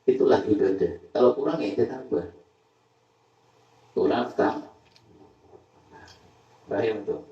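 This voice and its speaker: A man preaching a sermon to a study gathering, emphatic and repetitive, at times swelling into loud pleading. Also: fairly low pitch, a little slow, long pauses. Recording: roomy, distant, dull live-stream sound.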